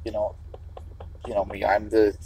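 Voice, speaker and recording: A man's voice: lowish voice, monotone, moderate pace, dark tone, a little hiss or hum, rough recording. A man from the Chicago area, talking in a rambling livestream monologue while driving. He swears freely and keeps restarting sentences. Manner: meandering, restarts, swears often.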